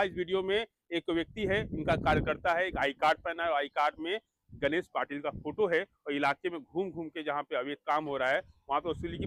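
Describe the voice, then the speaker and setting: A man reporting local news and questioning an interviewee, with brisk commentary. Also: fairly high pitch, a bit bright, slight background noise. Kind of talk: news narration and field interview.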